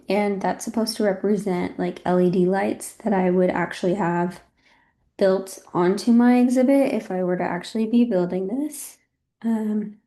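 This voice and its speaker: A woman's voice: medium pitch, warm tone. A heavily pregnant woman, out of breath, giving an informal student presentation in a conversational, apologetic way. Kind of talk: informal design project presentation.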